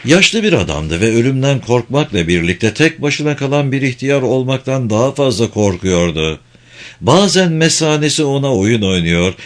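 A man reading an audiobook in a calm, measured narration. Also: mid-range voice.

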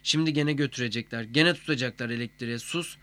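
A man voicing a defiant, proud old village grandfather who talks gruff and blunt. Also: mid-range voice, brisk, pushed and bright, no room sound, close to an everyday voice. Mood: urgent hushing.

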